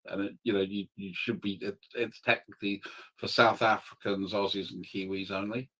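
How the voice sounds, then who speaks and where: A man's voice: lowish voice, flat delivery, moderate pace, bright, forceful tone, husky, poor audio. Joking British man with a mixed accent. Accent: mixed British, Scottish, Northern and Southern English. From United Kingdom. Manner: joking storyteller, swears freely. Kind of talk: casual chat.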